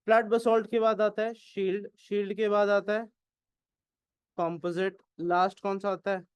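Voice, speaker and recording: High-voiced Indian teacher quizzing his class. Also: little pitch movement, unhurried, dry recording, muffled recording. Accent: Indian English. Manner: keeps asking "is it clear?", questions and answers his own prompts. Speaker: exam coaching teacher. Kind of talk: classroom lecture in Hindi-English mix.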